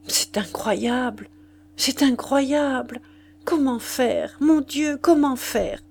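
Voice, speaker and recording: A woman's voice: fairly high pitch, slow, darkish tone, a little hiss or hum, pitched above the performer's own voice. A woman doing a fretful poor peasant father. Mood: dismayed. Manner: plaintive, fretful. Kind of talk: audiobook reading.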